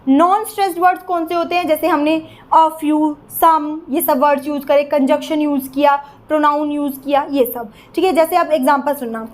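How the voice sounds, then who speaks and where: Young indian woman teacher, high voice, explains stuff and keeps checking in with students. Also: fairly even intonation, normal speed. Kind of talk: exam-prep lecture.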